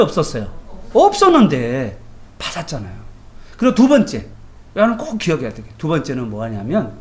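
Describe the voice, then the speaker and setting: A male pastor giving a morning devotion sermon in a colloquial, anecdotal way, often asking his listeners rhetorical questions. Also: high voice. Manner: animated, colloquial, tells everyday anecdotes; asks the congregation rhetorical questions.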